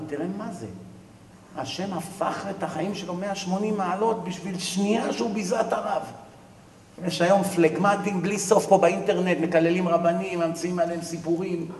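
A man, a rabbi giving a religious lecture, telling a story with lively acted-out dialogue. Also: a little high, slight background noise. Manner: animated storyteller who acts out dialogue. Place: lecture hall. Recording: echoey hall with faint ambience.

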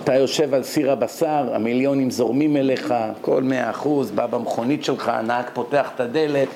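A man's voice: mid-range voice, steady tone, slight background noise, pitched below the performer's own voice, close to an everyday voice. A man voicing a fervent, struggling man who cries out his troubles in a story within a sermon. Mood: impassioned. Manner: impassioned, shouting. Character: fervent man, pleading and crying out.

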